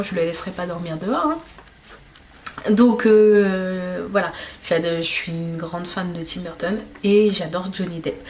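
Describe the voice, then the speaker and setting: A woman's voice: lowish voice, a little hiss or hum. A woman chatting casually to her camera as a vlogger, with many fillers and restarts. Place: home workshop.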